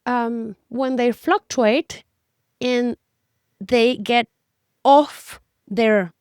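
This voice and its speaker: Woman, middle-aged, Spanish accent, Spanglish-tinged English, fairly high voice, dry close sound, emphatic conversational coach. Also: fairly even intonation, very slow, a little mellow, clear, resonant tone, no room sound. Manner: non-native English with Spanglish word slips; emphatic, conversational, addresses listener directly. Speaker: nutrition coach. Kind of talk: explanatory talk to camera.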